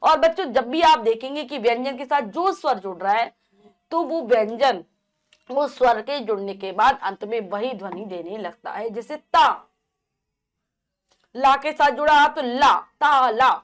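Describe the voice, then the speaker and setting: A woman's voice: fairly high pitch, expressive, a little slow. A woman teaching a children's grammar lesson, patiently spelling out letters and asking and answering her own questions.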